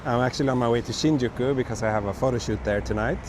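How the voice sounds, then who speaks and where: This man's voice is medium in pitch, racing, and hoarse and slightly broken from a cold as he hosts a relaxed, chatty walking livestream and reads viewer comments aloud. He's outdoors on busy city streets at night, and his small wireless clip-on mic catches plenty of traffic and street noise.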